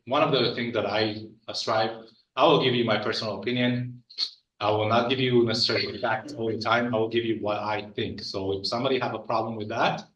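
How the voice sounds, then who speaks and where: A man's voice: fairly low pitch, fairly bright tone, lo-fi sound. A man in his forties from Israel, speaking on a panel in an earnest, personal way with frequent restarts. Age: 40s. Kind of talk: panel talk. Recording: echoey hall from far off.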